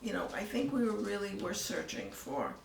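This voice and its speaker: An older woman telling her story in a casual interview, soft-spoken and trailing off into near-whispers. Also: medium pitch, big pitch swings, moderate pace, vocal fry, a little hiss or hum. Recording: echoey room, mic at a distance, faint ambience.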